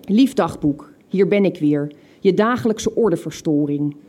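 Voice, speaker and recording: A woman with a soft, mellow voice reads aloud from the diary she kept as a teenager. Her reading is reflective and unhurried, and amused little laughs slip out at her younger self's words. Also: lowish voice, breathy edge.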